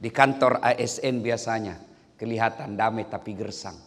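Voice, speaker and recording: A man giving a lively, humorous sermon, jumping up in pitch for punchlines and now and then breaking into song. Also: moderate pace. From Indonesia. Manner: animated, jumps high in pitch for punchlines, sings snatches of songs. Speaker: preacher. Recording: hall reverb.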